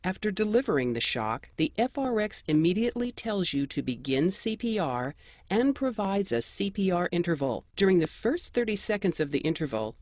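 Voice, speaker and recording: An American narrator reading scripted instructions in a measured, precise and formal manner. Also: medium pitch, sing-song, dry recording, muffled recording.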